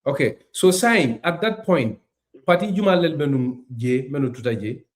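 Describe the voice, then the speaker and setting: A man's voice: a little high, expressive, moderate pace. A man hosting an interview, pressing his guest with repeated, pointed questions. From Gambia. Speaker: interview host.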